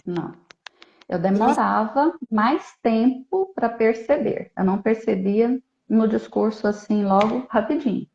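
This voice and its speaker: A woman therapist speaks as a guest on a live video call, calm and explanatory, often checking in with short tags. Her voice is mellow and soft-edged. The call sounds dull and echoey. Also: a little high, measured pace, gravelly. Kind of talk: live online interview.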